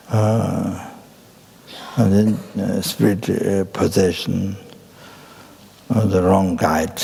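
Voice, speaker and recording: Slow gravelly older man. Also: low voice, warm tone. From Nepal. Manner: halting, many fillers and restarts. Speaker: Buddhist teacher. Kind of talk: Buddhist teaching talk. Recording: hall reverb.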